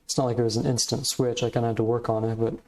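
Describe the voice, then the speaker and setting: Man talking casually in an even tone. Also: medium pitch, very fast. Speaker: podcast host. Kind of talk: casual, reflective commentary.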